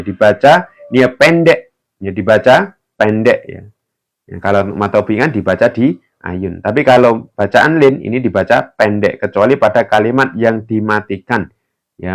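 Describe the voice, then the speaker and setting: A man teaching Quran reading in an online lesson, patient, adding a filler "ya" after nearly every phrase. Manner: slow, patient, many filler "ya"s, chants examples in a higher voice. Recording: dull lo-fi recording.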